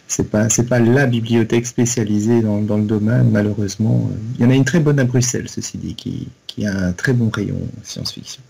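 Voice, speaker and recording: A man, co-hosting a casual podcast chat and talking in a halting way, with many restarts. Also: on the low side, steady tone, gravelly, warm tone, breathy edge. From Belgium. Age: 40s. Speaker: podcast co-host.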